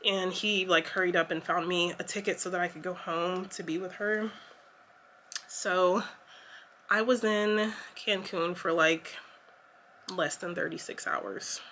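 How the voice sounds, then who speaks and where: A woman's voice: fairly low pitch, steady tone, a little slow, bright, forceful tone, slight background noise. A young woman, telling a story to her vlog camera in a chatty, emotional way with lots of fillers. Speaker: vlogger. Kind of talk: casual story time to camera.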